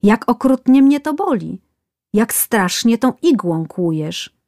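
A woman's voice: mid-range voice, lively intonation, takes it slowly, a little mellow, no echo, studio quality. A woman voicing a whining man getting a tattoo, complaining and pleading in a storybook tale. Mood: pained.

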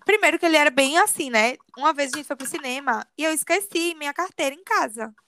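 A woman, co-hosting a casual chat and telling gossipy stories in lively slang. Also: sits high, fast, a little hiss or hum. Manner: animated gossipy storytelling with slang. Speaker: podcast co-host.

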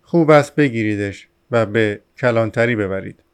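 A man voicing a pushy, suspicious common man who keeps insisting, in a smooth voice. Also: fairly low pitch, lightly acted. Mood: insistent. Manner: insistent, meddling.

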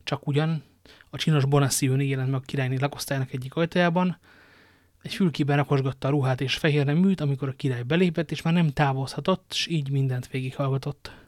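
A man's voice: medium pitch, steady tone, a little mellow, no room sound. Man reading a story, dry close sound. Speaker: narrator. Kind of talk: audiobook reading.

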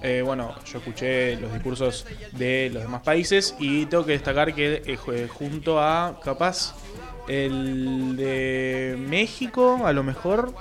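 A man's voice: medium pitch, takes it slowly, faint music behind. A man with an Argentine accent co-hosting a radio show, hesitant and full of fillers. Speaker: radio co-host. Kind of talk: casual studio radio chat.

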